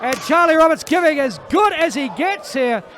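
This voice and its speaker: A man working as a play-by-play wrestling commentator, making emphatic, dramatic, excited calls of a match. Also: extremely high pitch, moderate pace. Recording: live crowd noise behind. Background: wrestling event crowd.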